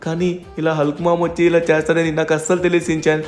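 A man plays a young man just out of hospital, talking quickly and with feeling. The voice sits somewhat high for a man, in a fan-dub game style. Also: completely flat delivery, a little mellow, soft background music, natural voice. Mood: earnest. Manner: fast emotional talk.

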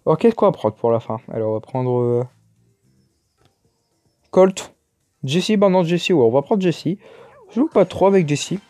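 Man chattering over his gameplay, dark mellow voice. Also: fairly high pitch, animated, normal speed, long pauses, dry recording, studio quality. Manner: chatty, exclaiming, muttering to himself. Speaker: gaming YouTuber. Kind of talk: casual gameplay commentary.

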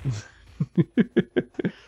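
A man with a dark tone draws out his words in a casual let's-play, chuckling often and talking back to the characters on screen. The slightly dull lo-fi mic picks up game music but no room sound.

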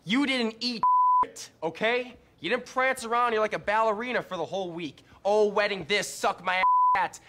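A man's voice: high-pitched, moderate pace, noisy background, lightly acted. An actor playing a crude, cocky young American man in a raunchy film comedy, foul-mouthed, taunting and swaggering. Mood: sneering, boastful. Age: 20s. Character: crude, brash, cocky young male party loudmouth. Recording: film soundtrack with music behind.

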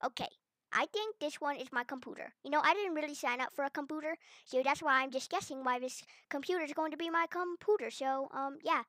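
A woman's voice: sits high, a little fast, no echo. Woman, gaming video host, playful commentary, talks to herself, dry close sound. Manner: chatty and excitable, talks to herself while exploring.

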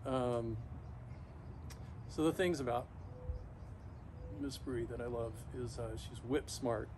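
A middle-aged man talking casually and haltingly to camera outdoors, shivering in ice-cold water, pausing often mid-thought. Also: medium pitch. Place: backyard, outdoors, in an ice bath. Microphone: camera a few metres away. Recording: noisy outdoor recording, ambient hum.

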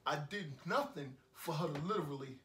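A man's voice: a little high, expressive, brisk, sharp tone, slight background noise. An actor with a New York accent playing a heartbroken young man who rambles bitterly and repeats himself in an indie film monologue. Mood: indignant. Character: heartbroken young man ranting after breakup. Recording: echoey room, voice from a distance.

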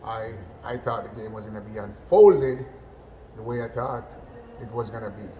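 A man's voice: medium pitch, moderate pace, a little hiss or hum, low-quality recording. Chatty man coaching a national team. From Jamaica. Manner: relaxed, conversational, many "you know" fillers and restarts. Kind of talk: post-match interview. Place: indoors, in front of a sponsor backdrop.

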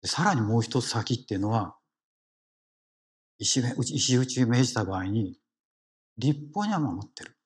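A man's voice: mid-range voice, animated, normal speed, pauses often, breathy edge. A man with a Kansai accent giving a conversational sermon as a lay preacher, engaging the congregation with questions. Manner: engaging, asks the congregation questions, frequent "ne" tags.

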